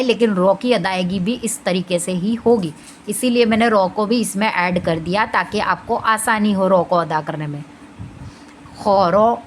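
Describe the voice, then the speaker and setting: Slow, patient woman teaching recitation. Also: mid-range voice, slight background noise. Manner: patient, repeats letters slowly for practice. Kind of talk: online tajweed lesson.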